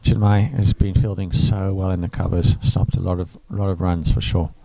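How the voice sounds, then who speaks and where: Deep-voiced cricket commentator. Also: male voice, little pitch movement, moderate pace, gravelly, warm tone, poor audio. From South Africa. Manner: chatty, rambling, enthusiastic asides. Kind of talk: live sports commentary.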